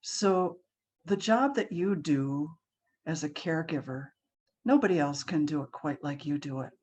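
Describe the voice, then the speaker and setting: Woman meditation guide, low pitch, unhurried calm delivery. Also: husky. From Hawaii. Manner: slow, soft and soothing, with frequent ums. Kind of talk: guided relaxation class.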